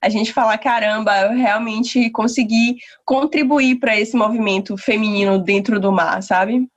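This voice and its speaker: A young woman entrepreneur talks as a podcast guest in a thoughtful, rambling way. Her voice sits a little high, and the audio is dull and lo-fi. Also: steady tone, a little slow. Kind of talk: casual podcast chat.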